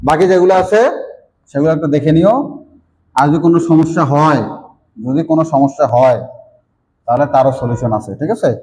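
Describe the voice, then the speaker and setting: A man's voice: fairly high pitch, steady tone, a little fast, pauses often, warm tone, low-quality recording. A man teaching an online grammar class, explaining letters and often checking that students understand.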